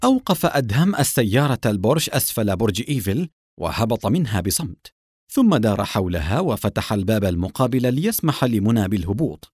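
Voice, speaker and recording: A male audiobook narrator reading a novel with expressive, dramatic delivery. His pitch moves a lot, and the recording is dry and close. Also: a little fast, husky, dry recording. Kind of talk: scripted narration.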